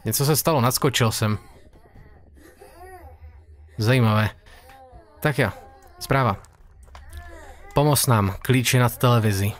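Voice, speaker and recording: A man's voice: medium pitch, long pauses. Jittery young man narrating a horror game. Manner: talks to himself, jittery, joking. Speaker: gamer playing a horror game. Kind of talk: nervous let's-play commentary.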